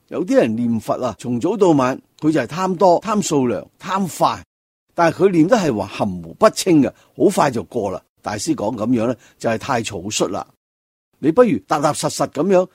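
A man, a Buddhist monk, giving a slow and deliberate dharma talk that explains how to recite. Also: on the high side, a little mellow, breathy edge, no room sound, clean studio sound.

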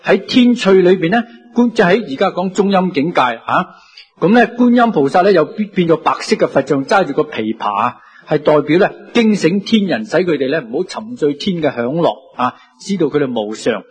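A man with a Cantonese accent giving a Buddhist sermon, telling it lively with many drawn-out sentence endings. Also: a little high, husky. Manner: lively storytelling with many sentence-final particles. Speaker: Buddhist teacher.

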